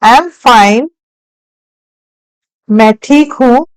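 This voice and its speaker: A woman's voice: a little high, very slow, smooth, no room sound, poor audio. A woman teaching a spoken lesson, reading short sentences for students to repeat and giving Hindi translations. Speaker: English teacher. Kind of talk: slow spoken English lesson.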